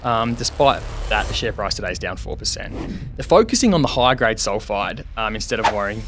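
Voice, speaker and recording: An Australian man co-hosting a casual mining podcast, quick and relaxed, with filler ums. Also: on the low side, a little hiss or hum. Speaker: podcast co-host. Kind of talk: casual chat.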